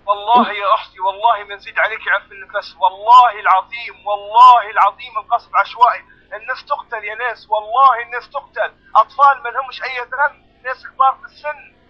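A man's voice: very high-pitched, fairly even intonation, fast. A man with a Libyan accent, distressed, pleading over the phone as an eyewitness and repeating oaths. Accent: Libyan Arabic. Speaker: eyewitness caller. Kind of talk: urgent phone report. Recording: muffled lo-fi phone line.

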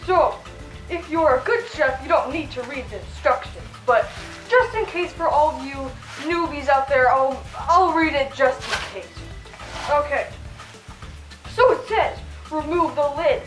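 A woman's voice: high voice, animated, a little slow, a bit bright, reverberant, faint music behind, rough recording. A woman hosting a playful cooking tutorial in a home kitchen, chatty and mock-instructional, talking from inside a costume head. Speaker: channel host cooking in fursuit.

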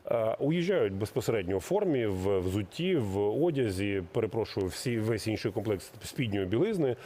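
With a lowish, very animated and warm voice, a middle-aged military recruiting official explains his answers to interview questions in a measured way, hesitating frequently. A little hiss or hum can be heard.

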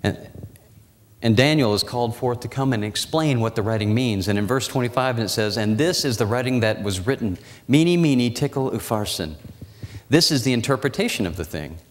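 A man in his forties preaching a sermon in a church, walking the platform and slowing down, dropping his voice low for dramatic emphasis. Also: lively intonation. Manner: walks the platform, gesturing as he preaches. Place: church sanctuary. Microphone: lapel mic and pulpit mic. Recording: church hall reverb.

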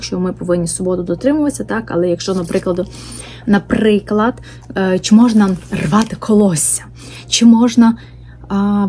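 A woman giving an informal Bible study talk, pausing often with fillers and tag questions and reading verses aloud slowly. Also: mid-range voice, darkish tone. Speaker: Bible teacher.

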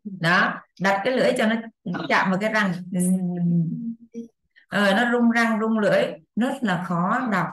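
A woman's voice: medium pitch, normal speed, fairly bright tone. A woman, an English teacher explaining a lesson in a chatty way, repeating examples and checking that her students follow. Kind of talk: casual online lesson explanation. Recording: roomy echo.

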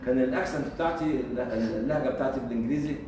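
Speaking rapid-fire at a medium pitch, this Egyptian man, a guest lecturer with an Egyptian Arabic accent, delivers a casual university lecture full of rhetorical questions, repetition and chuckles. The recording comes from an echoey room with a distant mic and faint background noise.

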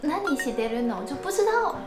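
A young woman chatting casually in a living room, chatty and quick to repeat her agreement. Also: sits high, very animated. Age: young adult. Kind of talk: casual chat. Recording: echoey room with loud music.

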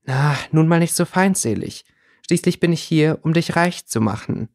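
A man's voice: on the high side, lively intonation, normal speed, darkish tone, no echo, studio quality, voice pushed up. A man reading an audiobook, voicing a smug, cruel middle-aged stepmother with a sneering, honeyed manner. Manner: sneering, self-assured, honeyed.

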